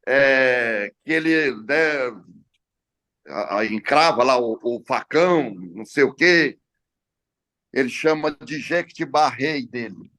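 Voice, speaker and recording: A man's voice: mid-range voice, takes it slowly, no room sound, studio quality. A man being interviewed as an entrepreneur, talking casually over a call and telling stories with many hesitations and restarts. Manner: relaxed, storytelling with frequent hesitations. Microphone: phone or video call.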